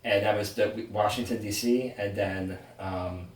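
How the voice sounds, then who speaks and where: This twentysomething podcast co-host has a lowish voice, a steady tone and a normal pace. He rambles and self-corrects through a casual sibling conversation, captured by a distant mic in an echoey room.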